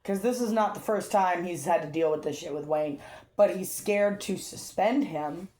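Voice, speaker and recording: A woman's voice: lowish voice, normal speed. A woman game master, casually recapping a tabletop session with lots of fillers and swearing. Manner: relaxed storytelling with frequent fillers and profanity. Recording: roomy echo.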